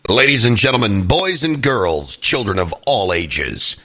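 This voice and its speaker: A man's voice: lowish voice, very animated, unhurried, background noise. A man announcing a radio show introduction in a grand circus ringmaster style.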